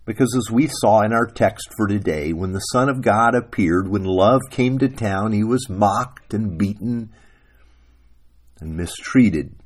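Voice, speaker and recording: A male pastor preaching a sermon, retelling a story dramatically and dropping into hushed asides. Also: lowish voice, breathy edge.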